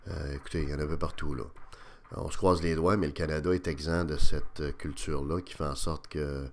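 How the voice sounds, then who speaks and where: A man with a Quebec French accent speaks in a very deep, low-pitched voice. He delivers a radio opinion piece in a halting way, filling pauses with hesitations and restarting phrases, then pressing his points with more force. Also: steady tone. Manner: hesitant, many fillers and restarts, grows emphatic. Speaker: radio commentator.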